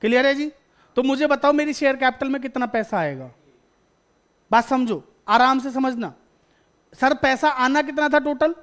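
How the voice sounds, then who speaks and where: A man's voice: extremely high pitch, fairly bright tone. A male teacher, giving a classroom lecture. He fires questions at the class, repeats each point, and answers himself before moving on. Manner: addresses students as beta.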